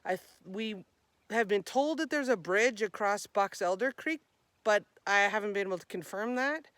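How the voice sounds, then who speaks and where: A woman's voice: medium pitch, animated, moderate pace, fairly bright tone, dry recording. A woman talking casually for a vlog as a hiker, chatty and informal, thinking aloud as she goes. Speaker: vlogger, hiker.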